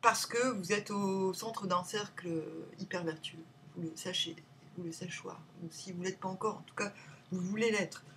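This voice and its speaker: A woman doing a casual tarot reading at home, rambling and playful, jumping between loud remarks and muttered asides. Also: medium pitch, steady tone, moderate pace, far from the mic, a little hiss or hum. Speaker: tarot reader.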